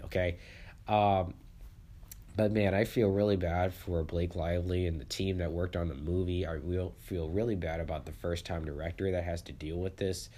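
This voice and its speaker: A man's voice: low-pitched, darkish tone. A man hosting a casual solo movie podcast, rambling and repeating words, congested and sniffling with the flu.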